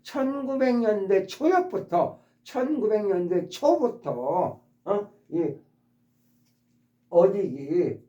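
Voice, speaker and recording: A man's voice: fairly high pitch, mellow, roomy sound, muffled recording. A man teaching English vocabulary to his subscribers, repeating each word and demonstrating its stress patterns. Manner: addresses subscribers politely. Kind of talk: explanatory vocabulary lesson.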